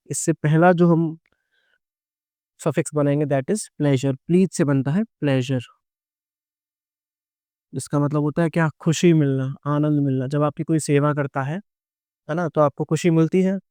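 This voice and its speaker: A middle-aged man with an Indian English accent, teaching English grammar to exam students. His voice is smooth and resonant, a little higher than most men's, and recorded close and dry. He explains patiently and asks the class questions that he answers himself. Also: fairly even intonation, measured pace, long pauses, mellow, dry recording. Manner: explains patiently, checks in with "है ना" and "ठीक है" and calls students "बेटा". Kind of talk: exam-prep grammar lecture.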